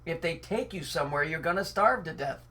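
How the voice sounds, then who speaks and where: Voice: medium pitch, animated, brisk, sharp tone. A commentator giving an angry monologue, reading out news and cutting in with sarcastic, profane remarks. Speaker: online commentator.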